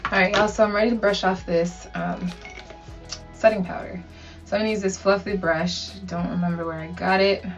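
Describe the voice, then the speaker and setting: A woman's voice: medium pitch, steady tone, a little fast, dull audio. A young woman vlogger talking casually and chummily to her viewers with slang as she does a makeup tutorial. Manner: informal, chummy, addresses viewers directly with slang. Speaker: beauty vlogger. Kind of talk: casual chatty get-ready-with-me makeup tutorial. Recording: distant mic, music in background. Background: background music.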